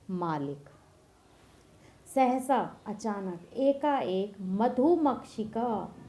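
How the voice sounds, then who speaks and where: A woman's voice: on the high side, dark tone, low-quality recording. A woman teacher explaining a text line by line, patiently asking questions and answering them herself in a classroom-lesson style. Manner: patient, asks and answers her own questions.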